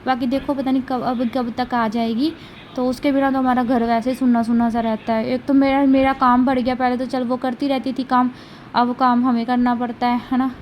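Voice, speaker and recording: A woman's voice: sits high, level tone, a little fast, a little hiss or hum. A woman vlogging casually at home about her day as a mother, talking in a rambling way with frequent tag questions. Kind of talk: casual chatty daily vlog.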